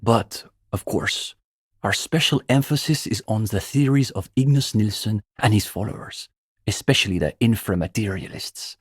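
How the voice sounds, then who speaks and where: Recorded close and dry with no echo, a young adult man plays the earnest, self-important head of a revolutionary reading group for a video game. He is a communist student and pompous intellectual zealot whose fairly low, husky voice carries a bookish, precise, lecturing manner.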